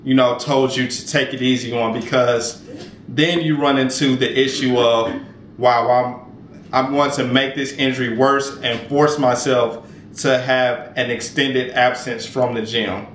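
In his home kitchen, a thirty-something fitness vlogger talks to the camera about working out in a relaxed, conversational way, full of fillers and restarts. His mid-range voice moves a little slowly. An arm's-length camera mic picks him up in an echoey room with faint background noise.

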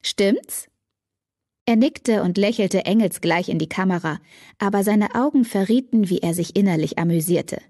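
A woman narrating a fantasy audiobook in the first person, with an even storytelling delivery. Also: medium pitch, normal speed, dry recording, studio quality.

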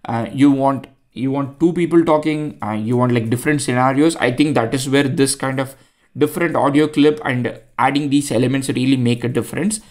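Speaking a little fast in a mid-range voice with a darkish tone, a young Indian-accented man walks viewers through a screen-recorded coding tutorial. His explanation is chatty, full of fillers and false starts.

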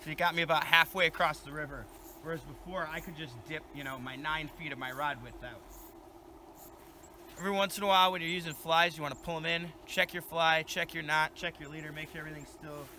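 Bright, easygoing man explaining outdoors. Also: a little high, fairly even intonation, fast. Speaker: fishing guide host. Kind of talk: outdoor instructional vlog. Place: outdoors by a river. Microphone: camera mic at a distance. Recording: faint outdoor river noise.

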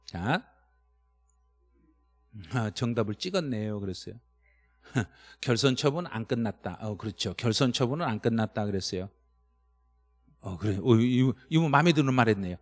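A middle-aged man teaching a live-stream exam lecture, excited and quizzing his viewers. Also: moderate pace, pauses often, big-room sound. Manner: animated, jumps to high excited pitch on key words, quizzes the chat. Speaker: real estate tax law instructor.

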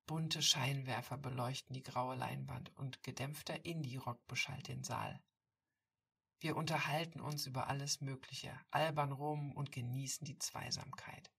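A woman reading a first-person story aloud, intimate and softly told, on a distant mic. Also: very deep voice, steady tone, measured pace, vocal fry, breathy edge. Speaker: audiobook reader.

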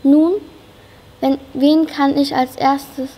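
A woman reading the part of a lively, excitable small old chocolate maker, greeting eagerly. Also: high-pitched, slow pace. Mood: welcoming. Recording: long reverb of a school hall.

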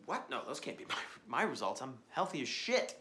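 An actor playing a vain, hot-tempered young man in a comedy series, pompous and prone to shouting. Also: mid-range voice, sing-song, a little fast, slight background noise.

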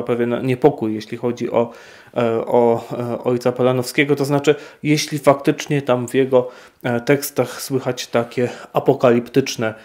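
A priest with a warm, mid-range voice answers viewer questions in an unscripted Q&A. He speaks in a measured way, hesitating frequently.

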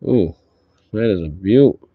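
A man's voice: lowish voice, expressive, takes it slowly, slightly rough, dry recording. A man talking through a face mask, giving laid-back, casual running commentary as he hosts a sports card break and swears offhandedly. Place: indoor tabletop card-opening setup. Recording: dull, muffled audio with background noise.

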